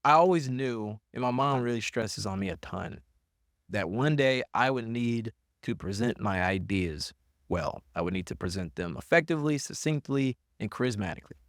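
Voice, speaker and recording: A young entrepreneur with a slight lisp and a lowish voice appears as a guest in a casual podcast interview, speaking at a moderate pace. Recorded in clean studio sound with no echo, he tells stories with animation, acting out other people's lines in a raised voice.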